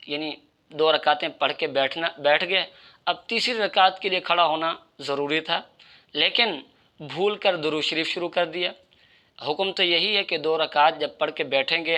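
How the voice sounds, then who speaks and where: An Islamic religious teacher with a slightly high, sharp-toned voice gives religious instruction methodically, explaining things step by step and addressing his listeners directly.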